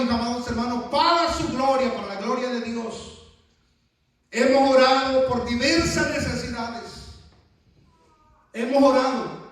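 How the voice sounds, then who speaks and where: A man preaching to a church congregation in a high voice, with slow, deliberate delivery. His emphatic, repetitive phrasing rings through a very echoey sanctuary. He is picked up from a distance rather than close to the mic. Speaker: pastor. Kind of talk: preaching a sermon.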